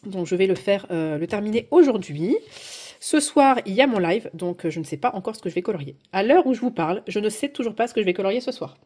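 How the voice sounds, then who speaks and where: A woman's voice: mid-range voice, animated, fast talker, dark tone. A woman hosting a coloring vlog, chatting casually at home with many hesitant fillers, recorded on a phone. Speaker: coloring channel host.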